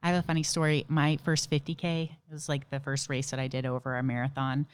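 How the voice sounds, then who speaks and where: A woman's voice: a bass voice, level tone, fast, clean tone, no echo, studio quality. A young adult woman, a nurse and ultrarunner, telling stories in a casual interview, laughing easily. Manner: chatty storyteller, laughs often, many "like" and "you know". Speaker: ultramarathon runner and nurse guest.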